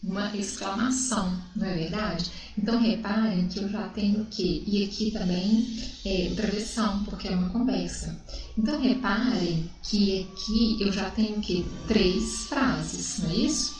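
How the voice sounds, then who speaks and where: A woman's voice: medium pitch, moderate pace, a little mellow, distant mic, a little hiss or hum. A woman from Brazil teaching a recorded school lesson, asking questions and answering them herself. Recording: echoey room, voice from away from the mic.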